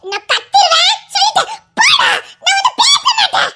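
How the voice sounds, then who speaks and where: A woman's voice: very high voice, expressive, a little fast, heavy background noise. A woman in a Tamil audio drama voicing a hurt, childlike young wife who refuses her husband in petulant, playful bursts. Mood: sulky teasing.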